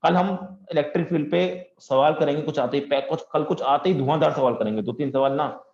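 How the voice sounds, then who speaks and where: A man's voice: on the high side, a little fast, darkish tone. A man teaching physics online from home, talking in a joking, chatty way with his students. His voice sounds dull and a little muffled, and it echoes around the room. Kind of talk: online class lecture.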